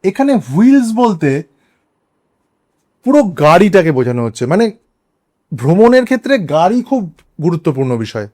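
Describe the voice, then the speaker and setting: Lively high-voiced Bengali man teaching grammar. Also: normal speed, pauses often. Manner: spells out words letter by letter, asks rhetorical questions. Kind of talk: explanatory grammar lesson.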